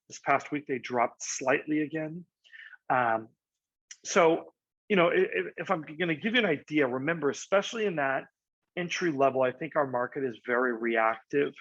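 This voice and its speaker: A man's voice: medium pitch, a bit bright, dry recording. A man, a real estate agent casually explaining market charts, with frequent fillers and "right?" asides. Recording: dry, slightly dull lo-fi audio.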